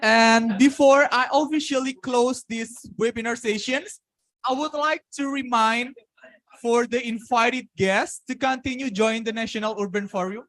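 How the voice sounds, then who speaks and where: A woman with an Indonesian accent hosting a webinar, giving polite, halting announcements and instructions to participants. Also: on the high side, fairly even intonation, fairly bright tone, no echo, low-quality recording. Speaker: webinar host.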